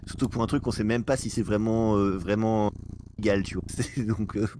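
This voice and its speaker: A man's voice: fairly low pitch, steady tone, normal speed, darkish tone, a little hiss or hum. A man co-hosting a live stream in casual chat over online voice chat, joking and hesitant with many fillers.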